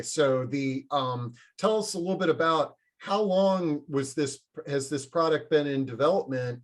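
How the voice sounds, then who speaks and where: A man with a medium-pitched voice hosts an interview. He talks conversationally and informally, meandering through his enthusiastically worded questions and comments. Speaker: interview host.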